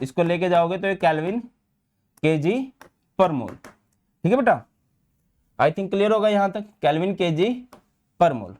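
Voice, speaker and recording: A chatty man teaching chemistry online, his voice sitting a little high for a man. He talks to students like a friendly elder brother, mixing terms into his speech. He often slows down to dictate notes one word at a time. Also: a little mellow. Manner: chatty, addresses students as beta and bhai, mixes English terms into Hindi. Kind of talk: online class lecture.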